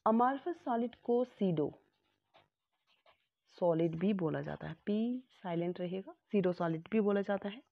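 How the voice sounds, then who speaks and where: A woman's voice: medium pitch, expressive, unhurried, vocal fry. A woman teaching a chemistry lesson, explaining step by step with homely examples, mixing in English terms and often checking that students follow. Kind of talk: classroom lecture. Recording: tinny phone-like audio.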